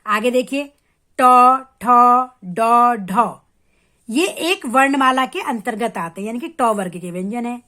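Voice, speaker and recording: A woman with a fairly high voice teaches a lesson to children. She is patient and explains step by step, talking straight to her pupils. She sounds out each letter slowly and clearly so they can hear it. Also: fairly bright tone. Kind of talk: children's Hindi grammar lesson.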